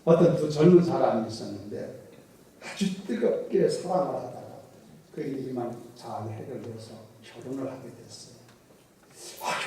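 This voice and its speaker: Captured by a distant mic in a reverberant church hall, this middle-aged male pastor delivers a sermon in the sanctuary. He tells homespun stories, cracking jokes and doing dialect impressions, in a warm, medium-pitched voice with slight hiss or hum.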